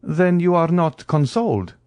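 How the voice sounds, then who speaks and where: A man's voice: medium pitch, very animated, measured pace, darkish tone, no room sound, pitched above the performer's own voice. A man voicing a genial, worldly Count with courtly, formal phrasing and a hint of melancholy, in a classic novel audiobook. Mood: earnest.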